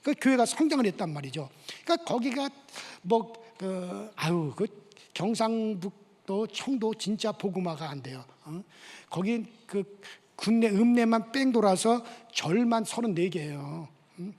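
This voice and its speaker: A male pastor delivers a sermon in a lively storytelling style and keeps checking in with the congregation. His voice sits high and swings widely in pitch. He is recorded in a church sanctuary with a long, ringing echo. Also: measured pace. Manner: animated storytelling with frequent questioning asides. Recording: reverberant church hall.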